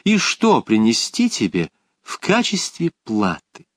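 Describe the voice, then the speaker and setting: A man's voice: mid-range voice, wildly swooping pitch, a little slow, no room sound, clean studio sound. A man voicing an earnest young disciple.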